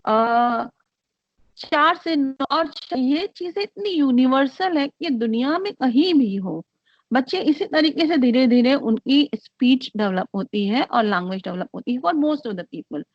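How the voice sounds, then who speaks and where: A woman giving an online lecture, speaking slowly and hesitantly with many fillers, mixing Hindi and English. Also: sits high, lively intonation, no room sound. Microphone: computer mic on a video call. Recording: dry, dull lo-fi call audio.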